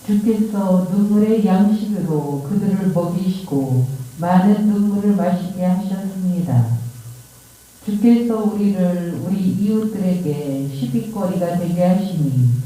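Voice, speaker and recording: A woman reading a scripture passage aloud in a church service, slow and measured. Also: fairly low pitch, expressive, warm tone. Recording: very echoey, from far off.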